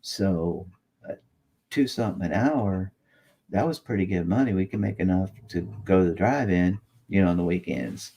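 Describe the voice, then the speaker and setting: A man's voice: low voice, normal speed, warm tone, slightly rough. A man in his late fifties in casual, rambling chat, cursing freely. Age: late 50s. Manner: rambling, profane.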